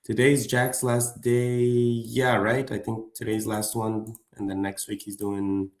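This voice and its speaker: A man talks casually through a live trading stream, rambling and filling gaps with "like" and "uh". His voice carries a gravelly, creaky texture at a middling pitch. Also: level tone, slow. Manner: loose, chatty, lots of fillers and slang. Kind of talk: casual livestream chat.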